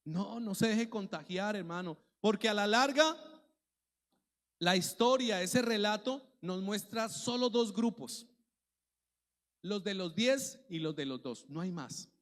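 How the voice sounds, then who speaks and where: A man preaching as a pastor, in a lively way that acts out the worries of church members. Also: high-pitched, unhurried. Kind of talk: sermon. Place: church hall. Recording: long hall reverb.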